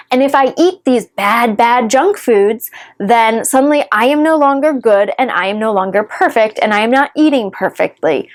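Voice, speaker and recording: A woman giving earnest, reassuring advice straight to camera as a recovery vlogger, with the odd wry joke. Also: on the high side. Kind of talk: encouraging direct-to-camera advice.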